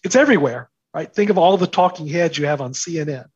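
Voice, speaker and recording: A slightly high, expressive male voice with a breathy edge, recorded dry and lo-fi. The man is an author and commentator being interviewed, stressing his ideas emphatically through deliberate repetition.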